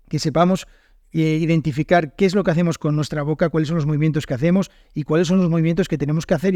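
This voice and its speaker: On his solo podcast, a Spanish teacher from northern Spain speaks with a regional accent and a warm voice pitched slightly higher than most men's. He thinks aloud without a script, thoughtfully, often using fillers and correcting himself. The recording is close and dry, with no room sound.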